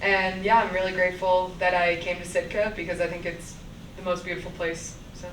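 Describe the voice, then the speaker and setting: A woman's voice: on the low side, flat delivery, fairly quick. A young woman in her twenties from Buffalo, New York introducing herself in a breezy, friendly way. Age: 20s. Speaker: AmeriCorps volunteer. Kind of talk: casual self-introduction. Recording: echoey room, distant mic, background noise.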